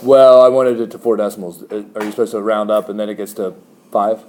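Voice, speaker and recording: A man's voice: fairly low pitch, steady tone, quick pace, darkish tone. A man teaching a math class, explaining steps in a chatty way and joking with students. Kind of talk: classroom lecture.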